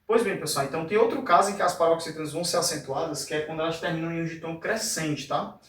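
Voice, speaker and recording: A man teaching Portuguese grammar at a whiteboard, pausing often to check with "tá?" and stretching words out syllable by syllable. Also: on the high side, fairly bright tone. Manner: frequent tag questions like "tá?" and "fechado?"; drawn-out syllable-by-syllable pronunciation. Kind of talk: whiteboard lesson explanation. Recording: echoey room, voice a bit distant from the mic.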